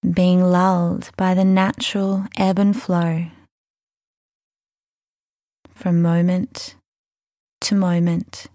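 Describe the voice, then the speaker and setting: A woman leading a guided mindfulness meditation, speaking softly and soothingly, unhurried and gentle, with breathy phrase endings. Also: lowish voice, little pitch movement, dry recording, studio quality. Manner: soothing, unhurried, gentle instruction with long pauses.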